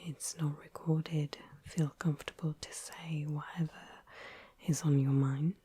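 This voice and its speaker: Slow, whispering woman doing ASMR. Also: low-pitched, fairly even intonation, slightly rough, no room sound. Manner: soft, slow, gentle whispering. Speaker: ASMR creator. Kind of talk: ASMR whispered interview roleplay.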